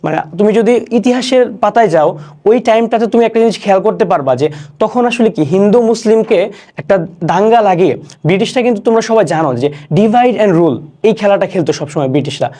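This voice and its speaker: A young man teaching an online class, explaining each word slowly and repeating questions and answers. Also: sits high, expressive, mellow. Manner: recites poem lines slowly.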